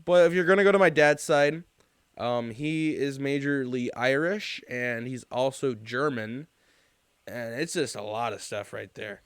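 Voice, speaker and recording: Smooth-voiced man hosting a casual podcast. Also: mid-range voice, unhurried, no room sound. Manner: rambling, many "like"s and restarts, teasing. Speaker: podcast host.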